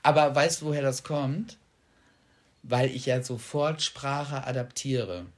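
A man in his early forties chats casually on his podcast. He jokes at his own expense and talks in a relaxed, easygoing way. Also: medium pitch, slow pace. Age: 40s. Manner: joking, self-mocking. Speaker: podcast co-host. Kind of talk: casual couple chat.

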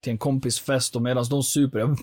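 A man, a podcast guest, telling his personal life story in an earnest, animated way, with frequent fillers. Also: medium pitch, no room sound.

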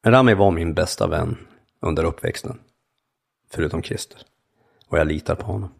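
Male memoir narrator, very low, gravelly, calm and measured. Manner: calm, measured storytelling in short sentences. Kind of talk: first-person memoir reading.

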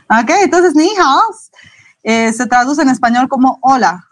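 Woman, Mandarin teacher, higher voice, dry close sound, patient, repeats examples. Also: expressive, slow pace, no echo, poor audio. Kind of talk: live online language lesson.

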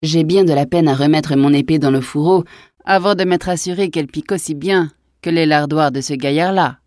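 A woman's voice: low-pitched, a little fast, a little mellow, dry recording, clean studio sound, natural voice. A woman voicing a hot-tempered young male nobleman, blustering and swearing, in an audiobook reading. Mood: furious.

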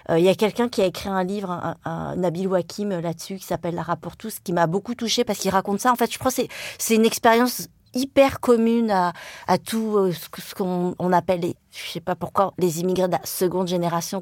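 This journalist and writer from France, whose native language is Vietnamese, has a fairly low voice captured cleanly in a studio with no echo. Reflecting during an interview, she hesitates, restarts sentences and leans on frequent fillers.

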